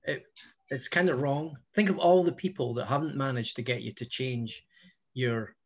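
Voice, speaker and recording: A man's voice: medium pitch, moderate pace, dull audio. A Scottish man, a guest musician, chatting in a rambling, self-mocking way with lots of restarts. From Scotland. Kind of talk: casual chat.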